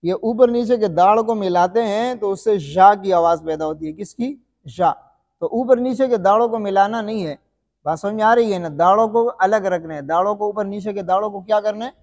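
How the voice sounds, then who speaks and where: Male recitation teacher with a high voice: repeats questions, drags out the examples, sounds heavily reverbed. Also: a little mellow. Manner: repeats questions to the students and answers them himself; slow, drawn-out demonstration recitations. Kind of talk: classroom-style recitation lesson.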